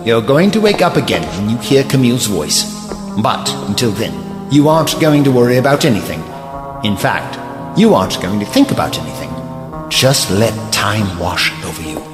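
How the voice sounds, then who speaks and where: A man's voice: on the low side, sing-song, normal speed. A man acting in an audio drama as an eccentric, principled, commanding alien time traveller, with precise, theatrical, wordy delivery. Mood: hypnotic, soothing. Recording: echoey, reverberant, music underneath.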